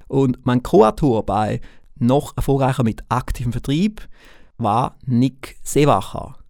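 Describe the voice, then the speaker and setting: A man with a mid-range voice hosts a solo business podcast. He talks in deliberate, emphatic short phrases and addresses listeners formally. The sound is very dry, with no room echo. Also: medium pitch, darkish tone. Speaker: podcast host, business coach. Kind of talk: podcast monologue.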